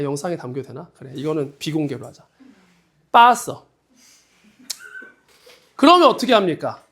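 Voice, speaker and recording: A male high school biology teacher giving a casual classroom lecture, teasing his students and firing quick questions at them. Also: fairly bright tone.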